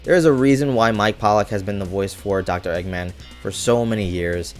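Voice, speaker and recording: A man's voice: on the low side, brisk, darkish tone, faint music behind. A young man hosting a video essay, reading scripted commentary.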